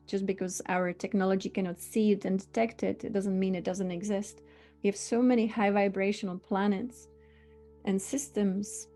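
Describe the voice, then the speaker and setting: Mellow-voiced woman teaching spirituality. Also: medium pitch. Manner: earnest, unhurried, devotional.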